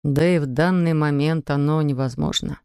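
A woman reading an audiobook, voicing a gravely ill man who speaks low and drawn out with quiet resignation. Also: normal speed, no echo, studio quality. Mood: resigned. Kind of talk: audiobook character voice.

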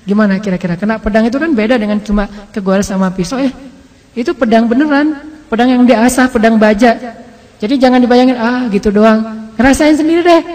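A man preaching as an Islamic teacher, telling a story in an animated, conversational way and acting out quotes. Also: very high-pitched, fast talker. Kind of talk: storytelling sermon. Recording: long hall reverb.

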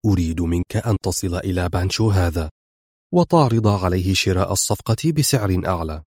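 A stern intelligence chief , read by a man in a low voice, firm and grave in a spy audiobook. The sound is dry and close, with no room around it. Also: fairly quick, darkish tone, husky, no room sound. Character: stern middle-aged male intelligence chief.

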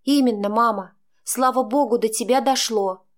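A woman voicing a defiant young pregnant daughter who speaks in an agitated, sharp way. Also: a little high, moderate pace, lightly acted.

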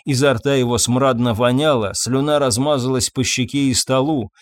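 A man reads a story aloud at a measured, steady pace. His voice sits at an ordinary middle pitch for a man. The sound is close and dry, with no room around it. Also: no echo. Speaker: narrator. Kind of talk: audiobook narration.

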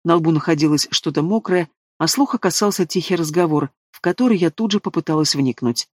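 A man reading a fantasy novel aloud in a steady, expressive narration. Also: on the high side, a little fast, no echo, studio quality. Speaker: audiobook reader.

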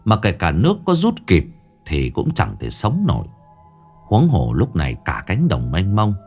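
A man narrating a ghost story in a grave, expressive storytelling voice. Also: deep voice, moderate pace, breathy edge, faint music behind.

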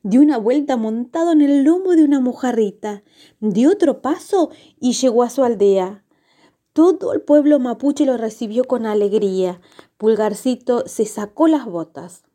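A woman narrating a children's story on the radio in a gentle, expressive way. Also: on the high side, normal speed.

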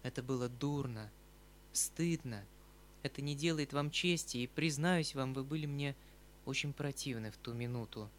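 A man's voice: medium pitch, moderate pace, a little hiss or hum, natural voice. A man reading aloud, voicing the lines of an earnest, proud young woman in a scripted audiobook narration. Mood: stern.

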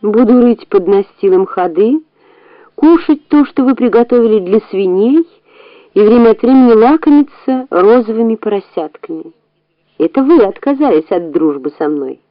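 A woman's voice: on the high side, animated, moderate pace, no room sound, highs cut off, natural voice. A woman voicing a sly, boastful old female rat in a storybook reading, wheedling and full of self-praise. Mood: offended.

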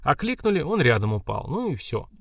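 A man's voice: mid-range voice, big pitch swings, fairly quick, gravelly, dry recording, studio quality. A man voicing a gloomy, hard-drinking young crook who tells a story in slang. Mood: gruff.

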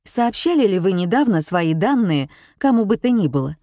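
A woman's voice: medium pitch, sing-song, moderate pace, mellow, dry recording, studio quality, natural voice. A woman reading an audiobook and voicing a pushy, official-sounding bank caller who speaks firmly and urgently. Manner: firm and urgent.

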